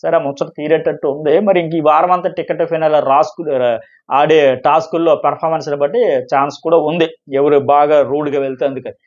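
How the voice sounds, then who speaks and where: A man giving fast live commentary on a reality show, emphatic and excitable. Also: on the high side, muffled recording. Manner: excited, emphatic, quotes contestants in quick bursts.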